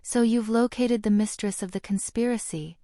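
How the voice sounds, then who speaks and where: A woman's voice: medium pitch, moderate pace, mellow, dry recording, studio quality, lightly acted. A woman doing Draco, a bored sneering schoolboy. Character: haughty young aristocratic schoolboy, coolly sneering. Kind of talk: audiobook character reading.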